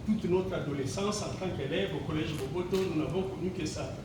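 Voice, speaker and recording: Recorded from afar in a very echoey hall with background noise, a man in his sixties from Congo (DRC), a teacher, delivers a reflective gala speech. He sounds a little high and brisk, hesitating often with fillers and repeated words.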